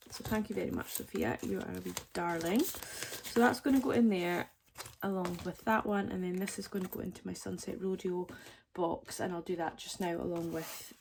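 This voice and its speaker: A woman's voice: on the low side, moderate pace, creaky. A woman in her forties, chatting in a rambling way while showing her budgeting items, with playful self-mocking jokes. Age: 40s. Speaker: budgeting vlogger. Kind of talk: casual chat. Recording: crinkling packaging noise close to the mic.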